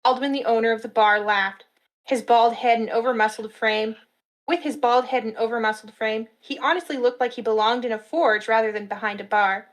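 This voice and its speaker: A woman narrating a fantasy story in a steady storytelling manner at a live reading. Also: a little high, brisk, poor audio.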